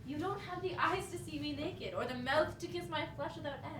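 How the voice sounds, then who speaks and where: A woman's voice: sits high, fairly quick, fairly bright tone. A young woman acting a longing lover, reciting poetic lines on a stage recorded from far off with an echoing, noisy room. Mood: passionate. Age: young adult.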